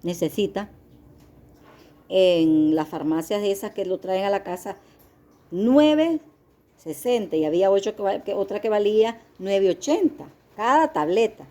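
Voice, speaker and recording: Middle-aged female lay preacher, soft warm voice, earnest testimony addressed to the faithful. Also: medium pitch, animated, measured pace. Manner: earnest, confessional, addresses listeners as beloved. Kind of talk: testimony-style sermon.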